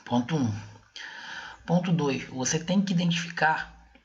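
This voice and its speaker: A man's voice: a little high, unhurried, muffled recording. A Brazilian man giving an online Portuguese exam-prep lesson, explaining step by step and checking in often with his students. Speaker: Portuguese teacher.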